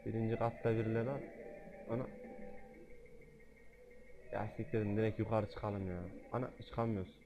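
A man giving let's-play gaming commentary, excitable, joking and swearing freely. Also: lowish voice, normal speed, pauses often, muffled recording, noisy background. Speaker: gamer.

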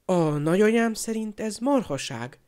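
A man's voice: high-pitched, lively intonation, a little mellow, clean tone, pitched above the performer's own voice. A man voicing an earnest teenage boy speaking plainly and a little self-importantly. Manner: earnest, matter-of-fact.

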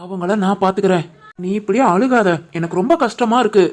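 A woman voicing a protective young village husband in an animated family drama, firm and commanding, with a southern Tamil Nadu village dialect. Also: mid-range voice, a little fast, voice pushed down, close to an everyday voice.

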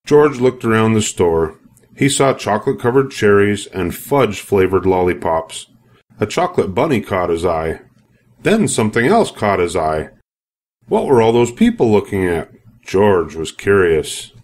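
In a fairly low, slightly mellow voice, an older man reads a children's storybook aloud from a script. His delivery is expressive and sing-song, aimed at young listeners, at a normal pace.

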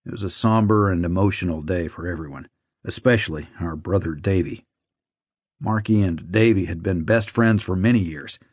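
A man narrating an audiobook in a measured, somber reading. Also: low-pitched, a little mellow, breathy edge, dry recording, clean studio sound. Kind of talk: scripted narration.

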